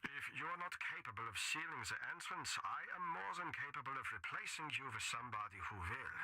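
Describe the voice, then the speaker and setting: An actor playing a stern, menacing military commander in a video game, speaking in intense, formal, righteous declarations. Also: male voice, medium pitch, expressive, brisk, pushed and bright, poor audio. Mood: threatening. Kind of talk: dramatic video game voice acting.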